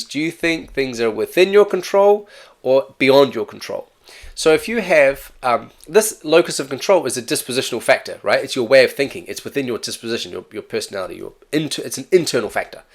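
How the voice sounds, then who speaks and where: A man's voice: medium pitch, animated, fairly quick. A man with an accent giving a casual, chatty exam-prep lesson, often correcting himself and asking "right?". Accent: non-native or regional English accent. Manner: chatty, self-correcting, with frequent "right?" asides. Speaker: teacher.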